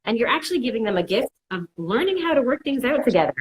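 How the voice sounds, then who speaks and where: A woman's voice: a little high, sing-song, quick pace, rough recording. A woman counselor giving casual, reassuring advice and acting out worried inner voices in quotes. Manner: reassuring, repeats "it's okay". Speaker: mental health counselor. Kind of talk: conversational advice.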